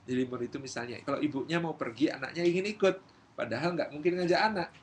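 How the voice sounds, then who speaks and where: A male Islamic preacher giving a lively study lecture, acting out everyday quotes as he tells stories. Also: on the high side, fast, a little hiss or hum. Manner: lively storytelling, acts out quotes. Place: community gathering hall.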